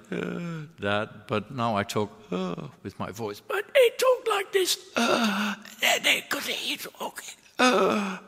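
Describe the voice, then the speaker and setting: A man, a surgeon, giving an earnest medical lecture to an audience, explaining step by step with halting restarts. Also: mid-range voice, bright, forceful tone. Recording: long hall reverb.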